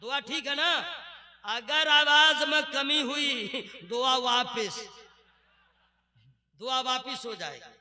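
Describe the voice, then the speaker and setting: A man preaching to a gathering, moving between joking chatter with the crowd and fervent, shouted passages, and prompting listeners to call back. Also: extremely high pitch, slow pace, long pauses, reverberant, big-room sound. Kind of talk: sermon with call-and-response prayers.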